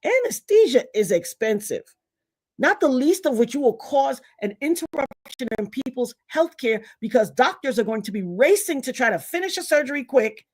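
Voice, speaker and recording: A woman's voice: high-pitched, a little mellow. A middle-aged woman from Trinidad, raised in Brooklyn, with a Trinidadian Caribbean accent, ranting emphatically and indignantly on her livestream. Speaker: livestream host. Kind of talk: livestream commentary rant.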